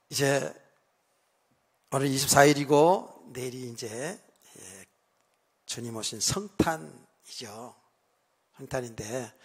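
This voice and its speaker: A male pastor preaching a sermon, speaking calmly and then suddenly raising his voice to shouting, with a sore throat. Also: a little high, husky. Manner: calm talk that suddenly rises to shouting.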